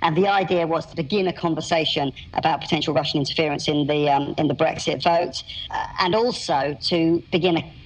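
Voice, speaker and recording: A man's voice: fairly high pitch, rough recording. Man with an electronically disguised voice. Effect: electronically altered voice to disguise identity. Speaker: interview guest, anonymous satirical activist. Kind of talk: explanatory interview talk.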